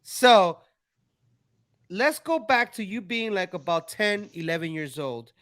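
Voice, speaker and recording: A man's voice: high voice, expressive, takes it slowly, fairly bright tone, no room sound, clean studio sound. A man hosting a casual interview, friendly and rambling, often repeating his words. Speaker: host.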